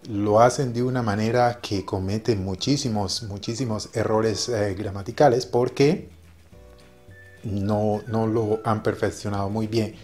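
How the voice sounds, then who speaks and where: A man's voice: on the low side, darkish tone. A man teaching in a casual video lesson, patient and repetitive, with frequent fillers. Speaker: language teacher.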